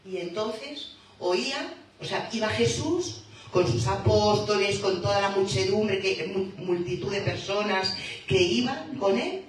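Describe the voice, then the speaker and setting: A woman preaching a sermon in a church, slow and emphatic, rising to fervent calls. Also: medium pitch. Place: church hall. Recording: echoey hall, voice from far off.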